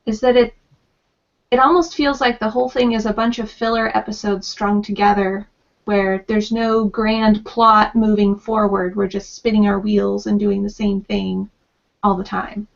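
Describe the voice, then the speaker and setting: A woman's voice: medium pitch, level tone, a little slow, creaky. Chatty woman on a lo-fi call. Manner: chatty, thoughtful opinions. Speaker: panelist. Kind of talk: casual online group discussion. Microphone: video call. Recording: dull lo-fi voice-call audio.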